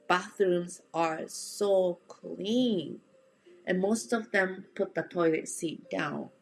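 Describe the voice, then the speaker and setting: This home organizing coach from Japan talks in a fairly low, creaky voice with a Japanese accent, and the recording is rough. She gives casual, direct pointers, addressing the listener plainly and with encouragement.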